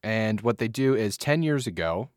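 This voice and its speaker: A man with a somewhat low voice chats casually as a podcast co-host, joking and rambling as he reads out facts. The recording is dry and close, with no room sound. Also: animated, normal speed, no room sound. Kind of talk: casual chat.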